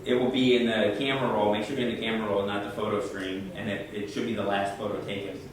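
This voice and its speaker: A man with a lowish, level voice talks fast while presenting tech tips at a user group meeting, chatting conversationally, answering questions and often repeating words. The room echoes, the mic is far away, and the background is noisy.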